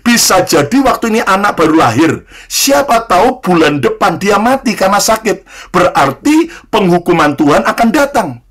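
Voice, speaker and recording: High-voiced male pastor preaching with call-and-response. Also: big pitch swings, normal speed, fairly bright tone. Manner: leads the congregation in call-and-response repetition; jokes lightly and addresses listeners as brothers and sisters. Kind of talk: sermon.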